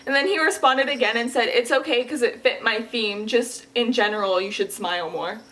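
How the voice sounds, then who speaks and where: A woman's voice: on the high side, brisk, a bit bright. A young woman chatting and giggling while doing makeup late at night, rambling and tired. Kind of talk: casual chat.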